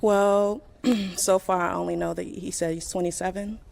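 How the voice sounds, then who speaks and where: Woman in her 30s on a dating show, really gravelly lowish voice, keeps it vague. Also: steady tone, normal speed, a little mellow. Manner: guarded and vague, with many fillers. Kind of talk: casual conversation.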